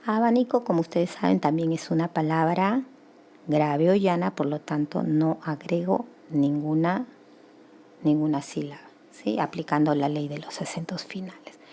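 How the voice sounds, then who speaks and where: A woman's voice: low-pitched, moderate pace, vocal fry, dark tone. A woman teaching a recorded secondary school class, explaining step by step and often checking in with the students.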